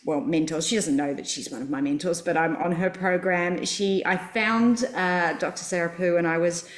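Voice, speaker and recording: An Australian woman hosting a podcast, chatty and enthusiastic as she introduces her guest. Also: on the low side. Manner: enthusiastic, chatty, laughs easily. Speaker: podcast host. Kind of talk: friendly interview introduction. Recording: roomy echo.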